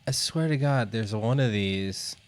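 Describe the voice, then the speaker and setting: A man's voice: on the low side, unhurried. Guy on a home livestream, jokey and playful, tinkering while he talks. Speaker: live stream co-host. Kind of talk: casual chat on a live stream.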